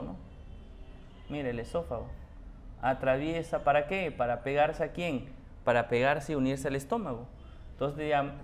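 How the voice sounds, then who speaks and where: Man, anatomy tutor, patient, repeats terms, somewhat high voice. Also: slight background noise. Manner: patient, repeats key terms, asks rhetorical questions. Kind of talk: explanatory class lecture.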